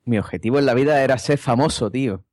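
A man tells anecdotes in casual podcast chat, lively and quick to repeat himself. His mid-range voice sits in a dry, close sound. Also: medium pitch, no echo. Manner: lively storyteller, repeats words. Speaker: podcast co-host.

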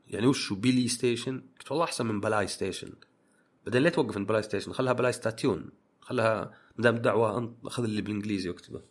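A man hosting a podcast, chatting casually and reading listener questions, rambling with many fillers. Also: lowish voice. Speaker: podcast host.

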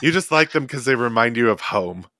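A man's voice: mid-range voice, animated, fairly quick, bright, forceful tone, dry recording, studio quality. A man hosting a casual gaming podcast, rambling with many fillers. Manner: rambling, lots of fillers and likes. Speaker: podcast host. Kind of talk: casual chat. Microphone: desk podcast mic.

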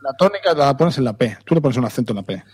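A man from Spain chats casually as a podcast co-host, teasing and talkative. His voice sits at a middling pitch. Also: very animated, quick pace, darkish tone, slightly rough. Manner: teasing, chatty. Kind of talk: casual chat.

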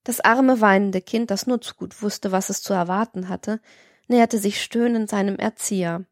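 A woman's voice: medium pitch, fairly even intonation, normal speed, no room sound, studio quality. Woman narrator reading steadily. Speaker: audiobook narrator. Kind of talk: scripted narration.

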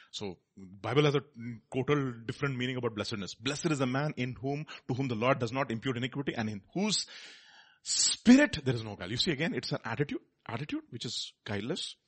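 Husky Indian-accented male preacher, animated pitch. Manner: rhetorical questions and repeated phrases for emphasis. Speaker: preacher teaching from the Bible. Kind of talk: expository sermon with question and answer.

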